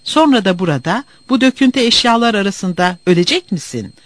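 Man playing a frail old professor, high pleading voice, lively, dry sound. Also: brisk, no room sound. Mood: insistent. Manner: pleading, insistent. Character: frail thin older male law professor, earnest.

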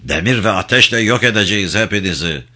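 A man voicing a stern, domineering male guerrilla commander who shouts orders and slogans at his fighters in an audiobook. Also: fairly low pitch, expressive, fast. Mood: shouting.

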